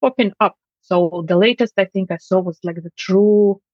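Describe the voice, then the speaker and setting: A Finnish customer experience expert, appearing as a guest, answers interview questions in a measured, explanatory way with touches of dry humor. Her mid-pitched voice arrives over a dull, muffled remote connection, with no room sound and no echo.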